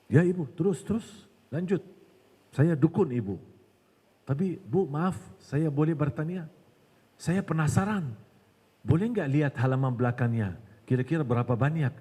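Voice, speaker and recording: A man voicing a sly, flattering devil that whispers temptations. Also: mid-range voice, moderate pace, long pauses, husky. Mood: coaxing. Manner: coaxing, wheedling. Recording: long hall reverb.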